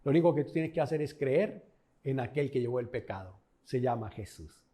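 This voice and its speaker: A man preaching a sermon as a pastor, earnest and pleading, his voice rising into loud, fervent prayer. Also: mid-range voice, lively intonation, a little fast, breathy edge.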